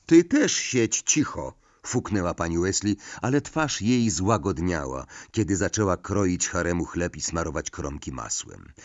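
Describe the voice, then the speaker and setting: Deep, expressive male audiobook narrator. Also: moderate pace, hardly any pauses, no echo, dull audio. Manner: expressive, animated. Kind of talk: storybook reading.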